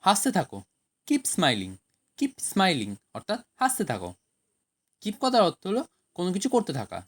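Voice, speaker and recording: A woman with a Bengali accent teaching spoken English, saying each phrase slowly and then giving its meaning in Bengali. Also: medium pitch, wildly swooping pitch. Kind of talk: language lesson, phrase then translation.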